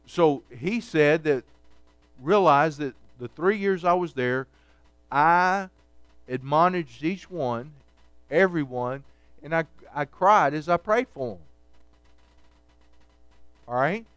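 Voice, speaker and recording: A male pastor teaching a Bible study in a relaxed, conversational preaching style, pausing often to check in with his listeners. His voice sits a little high and sounds smooth and resonant. The recording is dry, with little room sound. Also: dry recording. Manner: conversational preaching with frequent checks like okay and all right.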